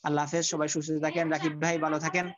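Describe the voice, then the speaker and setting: A man's voice: a little high, level tone. Man teaching syllable by syllable, lo-fi. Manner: colloquial, repeats himself, spells out syllables slowly. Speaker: Quran recitation teacher. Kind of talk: online tajweed class.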